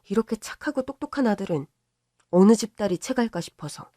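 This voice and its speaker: A woman's voice: medium pitch, animated, a little fast, mellow, no echo, clean studio sound, lightly acted. A voice actor playing a loving, stubborn middle-aged mother who plays down her own troubles. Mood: teasing.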